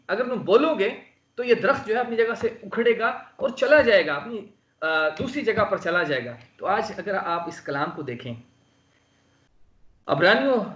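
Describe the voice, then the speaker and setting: A man's voice: high-pitched, fairly bright tone. A man from Pakistan preaching an earnest, emphatic sermon over an online call. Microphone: online call microphone. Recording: roomy, dull lo-fi online call audio.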